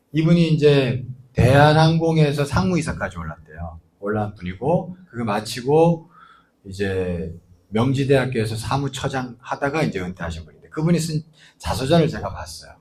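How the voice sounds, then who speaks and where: A man's voice: medium pitch, big pitch swings, normal speed, a little mellow, slight background noise. A man preaching a sermon as a pastor, telling a story in a chatty way and often turning to the congregation with questions. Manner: conversational storytelling with rhetorical asides. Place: church.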